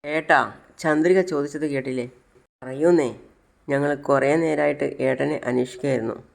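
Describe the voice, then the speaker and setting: A man's voice: on the high side, fairly even intonation, moderate pace, gravelly. Man voicing a bitter, grieving mother. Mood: concerned. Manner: sorrowful, cursing. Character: bitter mother, sorrowful and scolding.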